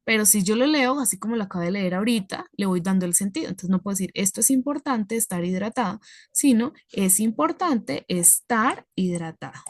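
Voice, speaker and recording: A woman's voice: medium pitch, animated, fast, dry recording. Lady teaching english, patient, step by step, keeps asking if ur following, dry close sound. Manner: patient, explains step by step, checks in with "¿listo?". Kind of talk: classroom explanation.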